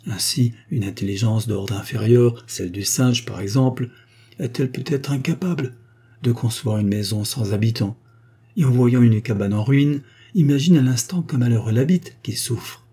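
Man doing a captured spy, grave then pleading, husky, warm. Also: medium pitch, moderate pace. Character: captured male spy, philosophical then desperate.

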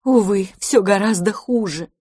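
A woman's voice: mid-range voice, measured pace, darkish tone, no echo, clean studio sound, close to an everyday voice. A woman voicing a caring, flustered mother mouse. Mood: fretful. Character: kind, fussy mother mouse.

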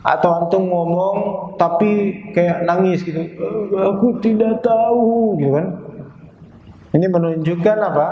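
A man with a fairly high voice teaches a religious class to a group and keeps asking them whether they follow. His voice echoes through a large hall with a long reverb. A faint background noise is heard under him. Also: a little mellow. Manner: asks the class constant rhetorical questions. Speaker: Islamic teacher. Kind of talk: classroom lecture.

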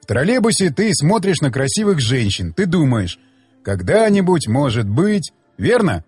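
Guy reading an audiobook doing a mocking know-it-all buddy, husky, bouncy pitch, faint music under it. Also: sing-song, normal speed, darkish tone, dry recording. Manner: needling, lecturing like a patient mentor. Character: sardonic male companion, blunt and mocking.

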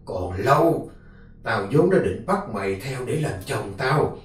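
Slow gloating she-demon read by a man, cruel, cackling, drenched in echo, heard from afar, faint music. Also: medium pitch, big pitch swings. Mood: gloating menace. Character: vengeful female ghost demon, cruel and mocking. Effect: heavy echo, distant.

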